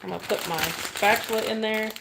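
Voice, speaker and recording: A woman's voice: medium pitch, fairly even intonation, a little fast, creaky, heavy background noise. A chatty woman, demonstrating cake decorating on a live stream and often thanking her viewers.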